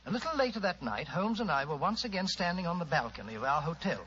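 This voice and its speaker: A dull vintage radio recording holds a loyal, fussy British gentleman doctor. The voice is bright and lively, in old-fashioned radio drama style. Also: a little high, fast talker, soft background music. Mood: storytelling. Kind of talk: 1940s radio acting. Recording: muffled, hissy old-time radio recording.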